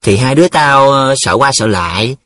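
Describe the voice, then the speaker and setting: A man voicing a cocky, teasing young male student who jokes in a sing-song way, with a husky voice. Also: medium pitch, lively intonation, fairly quick, fairly bright tone. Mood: boastful.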